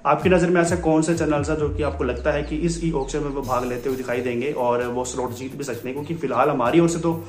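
A man's voice: mid-range voice, steady tone, quick pace, hardly any pauses, echoey room, faint music behind. A young man hosting a news update to camera in a small room, chatty, calling viewers his friends and repeating filler phrases. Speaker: TV news channel host.

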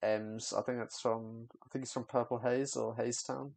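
A man's voice: mid-range voice, little pitch movement, moderate pace, vocal fry, crowd noise. A young man giving casual, candid reaction commentary on a music video, rambling and trailing off with fillers.

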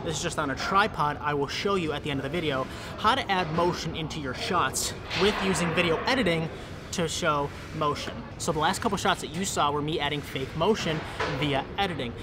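A man's voice: on the high side, brisk, background noise. A young man filming a casual how-to vlog in a large indoor gym, chatty and explaining step by step to a nearby camera. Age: young adult. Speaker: fitness video creator. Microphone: camera close up and on tripod.

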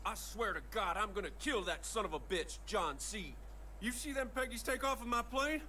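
A man's voice: sits high, expressive, normal speed, sharp tone, slight background noise. An actor playing a desperate, swearing male pilot who is about to become a father, in video game dialogue. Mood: frantic. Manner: pleading, swearing.

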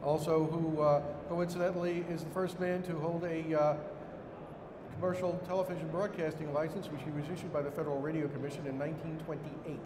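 A man's voice: a little high, level tone, a little fast. Echoey middle-aged man with a Brooklyn accent. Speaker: conference speaker standing in for a director. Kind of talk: formal slide presentation. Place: indoor conference room with seated audience. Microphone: podium microphone, later picked up by hand. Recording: echoey hall, noisy room ambience.

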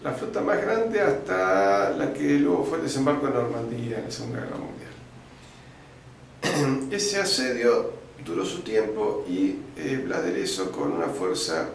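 Argentine man lecturing in an echoey room. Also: mid-range voice. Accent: Argentine Spanish. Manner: didactic storyteller, uses fillers like "este" and "eh", clears throat often. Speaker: interview guest. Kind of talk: lecturing historical account. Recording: very echoey room with faint background noise.

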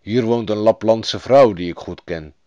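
A man voicing a kind, steady reindeer guide in a fairy-tale reading, in a calm, firm voice. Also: fairly low pitch, measured pace, no room sound, highs cut off, lightly acted.

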